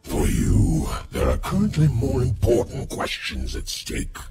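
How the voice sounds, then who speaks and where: A man voicing a sinister, hungry shadow monster in a video game, with a gravelly, theatrical, threatening delivery. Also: medium pitch, huge pitch swings, a little slow, music in the background. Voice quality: gravelly, creaky.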